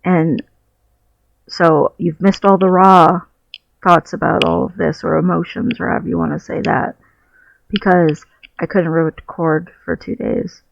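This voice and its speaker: This vlogger's voice is fairly high, level, and creaky, moving at a measured pace as he reflects candidly on his bed at home, hunting for the right words. The headset recording is dull, muffled, lo-fi, and free of room sound.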